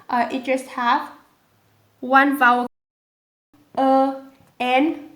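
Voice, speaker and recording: A woman with a Vietnamese accent teaching a pronunciation lesson, slow and careful, repeating each sound aloud. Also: high voice, roomy sound. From southern Vietnam. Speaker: language teacher.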